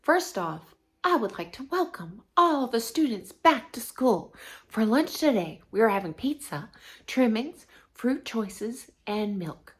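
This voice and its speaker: A cheerful school secretary's voice on the intercom, bright and announcing, as a woman puts it on. It is a storybook figure, read aloud with a friendly lift. She sounds higher than the plain narration. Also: very animated, takes it slowly.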